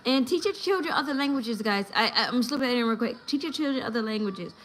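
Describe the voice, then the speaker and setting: A New York woman in her thirties hosts a casual home livestream, chatting and handing out advice to viewers while acting out voices in her stories. Her voice is a little high and animated, moving at a quick pace, and the audio quality is poor.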